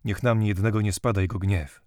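A man doing an old slave man, wailing and hurried. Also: on the low side, fairly even intonation, darkish tone, dry recording, clean studio sound, lightly acted. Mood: resigned. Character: old Germanic male slave, bloodied and pleading.

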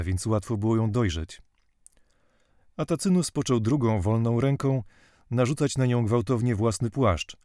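A man narrating a classic novel as an audiobook in a measured, steady reading voice. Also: fairly low pitch, dry recording, clean studio sound.

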